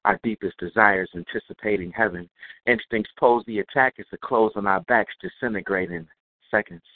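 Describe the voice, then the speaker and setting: A man's voice: lowish voice, moderate pace. A man reciting spoken-word poetry as a guest on a podcast, with a rhythmic, rhyming delivery. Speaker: guest poet. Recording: dry, tinny phone-like sound.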